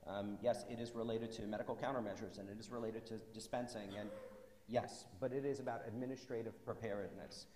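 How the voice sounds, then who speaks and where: Low-voiced man speaking on a panel. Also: fairly even intonation, a little mellow, a little hiss or hum. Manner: measured, diplomatic, gestures while talking. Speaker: state deputy health official. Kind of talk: panel discussion. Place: conference stage in a large hall. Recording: roomy hall with long reverb.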